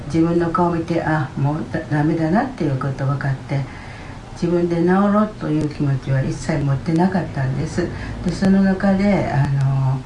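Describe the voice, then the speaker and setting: A woman gives a personal testimony in church, chatty and storytelling. Her voice sits low and mellow. It rings out in a roomy hall with a faint hum behind it. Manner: chatty storytelling, lively retelling. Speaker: church member giving testimony.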